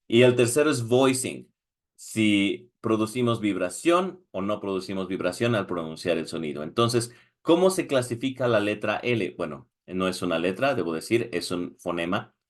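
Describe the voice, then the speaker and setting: Mexican male teacher with a lowish voice, patient step-by-step explainer, keeps checking in with viewers. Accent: Mexican Spanish. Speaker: English teacher preparing exam candidates. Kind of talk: screen-recorded lesson, switching between Spanish and English.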